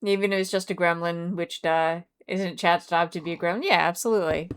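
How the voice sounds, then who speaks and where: Woman, game streamer, chatty, answers chat, low-ish voice, faint background hiss. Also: fairly even intonation, brisk. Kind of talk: casual live-stream chat. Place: home.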